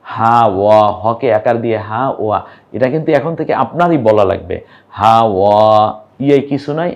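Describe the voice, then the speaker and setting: A young male teacher gives a patient recorded lesson. He draws out each syllable slowly and keeps asking the listener to say it first. His voice sits at an everyday middle pitch. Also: darkish tone, highs cut off. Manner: patient, drawn-out syllables, quizzing the viewer. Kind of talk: online lesson on reading Arabic vowel marks.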